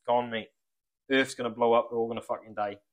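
A man's voice: mid-range voice, fairly even intonation, quick pace. A man, co-hosting a casual chat and musing about life in a rambling, sweary way. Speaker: podcast co-host.

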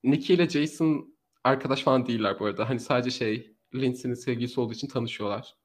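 Fast-talking man telling a crime story. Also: medium pitch. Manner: animated storytelling, laughs often. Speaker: podcast co-host telling a true crime story. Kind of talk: casual true crime podcast chat.

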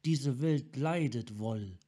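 A man reading a calm, wise monk woman. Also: medium pitch. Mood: serene. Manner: soft, measured. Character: calm wise female monk clan leader. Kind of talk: fan audiobook reading.

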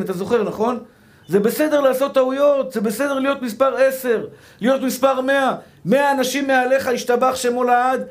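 High-voiced man preaching a sermon. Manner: emphatic, repeats rhetorical questions, calls listeners brother. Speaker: rabbi. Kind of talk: sermon to a live audience.

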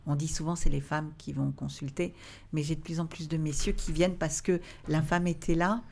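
A woman with a fairly low voice, telling personal anecdotes as a podcast guest. She talks with lively animation, acts out the voices of the people she quotes, and slips into whispered asides. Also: moderate pace, creaky. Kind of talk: anecdotal storytelling.

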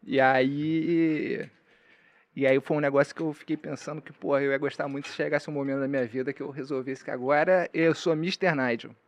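Fast-talking young carioca man. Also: mid-range voice, level tone. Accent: Carioca Brazilian Portuguese. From Rio de Janeiro, Brazil. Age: young adult. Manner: quick, joking, storytelling. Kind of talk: casual podcast banter.

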